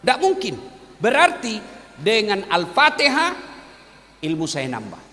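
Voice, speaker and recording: A man's voice: measured pace, big-room sound. A man preaching a humorous sermon to students, telling stories animatedly and acting out the characters. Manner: animated storytelling, acting out characters with big pitch swings.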